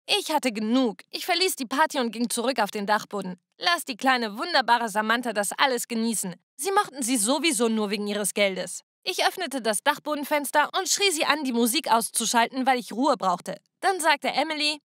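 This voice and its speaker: A woman telling a first-person family drama as scripted narration. Her voice is high and bright, with an emotional, dramatic delivery, recorded close and completely dry. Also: lively intonation, normal speed, hardly any pauses, no room sound.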